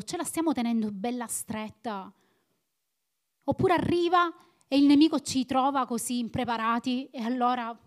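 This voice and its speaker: A woman preaching a sermon in an earnest, exhorting manner, repeating phrases for emphasis. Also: a little high.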